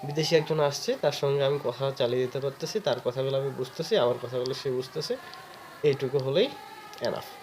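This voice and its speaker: A man talking earnestly to the camera, encouraging learners with patient advice and drawn-out fillers. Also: mid-range voice, darkish tone, slight background noise. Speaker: vlogger giving advice. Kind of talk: casual talk to camera.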